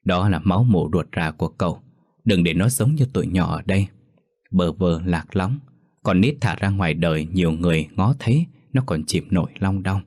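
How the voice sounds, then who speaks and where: A man's voice: low voice, darkish tone, husky, no echo, studio quality. A man voicing the resigned, sorrowful ghost of a dead mother in a ghost story. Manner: weary, resigned.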